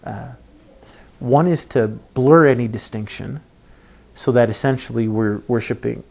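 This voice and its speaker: A preacher with a gravelly, creaky, darkish voice at a mid-range pitch for a man teaches a Bible passage in an informal sermon. He thinks aloud haltingly, pausing to rephrase, and often checks in with "right?"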